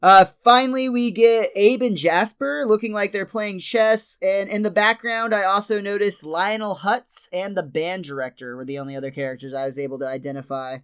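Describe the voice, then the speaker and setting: A man's voice: high voice, fairly even intonation, normal speed, hardly any pauses, a bit bright, smooth. A man co-hosting a podcast, casually reviewing a cartoon episode, retelling scenes in detail with frequent chuckles. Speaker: podcast co-host. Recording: slightly dull lo-fi sound.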